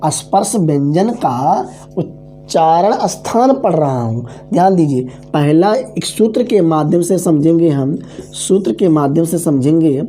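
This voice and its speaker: Slow, mellow-voiced male grammar teacher. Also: on the high side, expressive, soft background music. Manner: drills syllables slowly, keeps checking understanding; repeats mnemonic formulas aloud. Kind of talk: online exam-prep grammar lesson.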